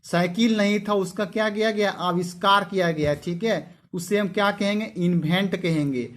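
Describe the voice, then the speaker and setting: A man's voice: sits high, steady tone, moderate pace. A man teaching English vocabulary, who spells words letter by letter and keeps asking his students questions that he then answers himself. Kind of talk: explaining word meanings to students.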